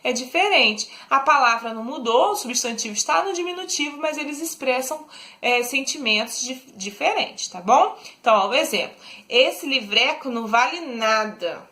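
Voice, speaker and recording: A woman's voice: high-pitched, lively intonation, moderate pace, pushed and bright. A woman teacher, giving a lesson to young pupils, patient and affectionate, checking often that the class follows.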